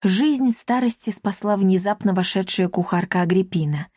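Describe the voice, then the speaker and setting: A woman narrating a children's-style story aloud in a lively, expressive way. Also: medium pitch, moderate pace, slightly rough, no echo, studio quality. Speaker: audiobook narrator.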